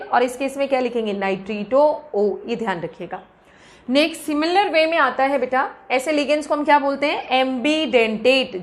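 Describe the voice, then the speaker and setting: Woman, chemistry teacher, high pitch, lecture, asks and answers her own questions. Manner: asks questions and answers them herself, calls students "beta".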